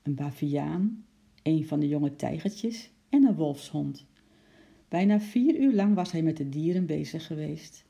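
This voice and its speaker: Gravelly, dark-toned storybook narrator. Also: mid-range voice, a little slow. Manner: lively, expressive storytelling. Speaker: audiobook narrator.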